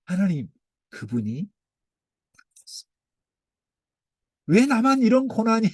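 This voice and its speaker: Expressive male pastor preaching. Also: sits high, no echo, studio quality. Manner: dramatic, swings from loud pleading to hushed near-whisper. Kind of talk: sermon. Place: church.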